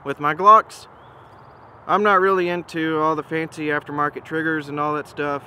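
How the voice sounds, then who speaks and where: A man giving a casual, easygoing product comparison as a presenter, speaking in an informal, measured and opinionated way. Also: on the high side, level tone, sharp tone. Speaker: gun reviewer and presenter. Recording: noisy outdoor recording with ambient hum.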